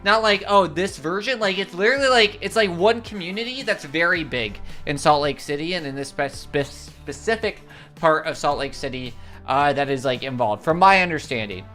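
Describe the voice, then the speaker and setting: At a normal speed and mid-range pitch, a livestream host chats casually and meanders through a lengthy story, full of filler words. He gets excited and repeats "it's crazy" again and again, with faint music behind him.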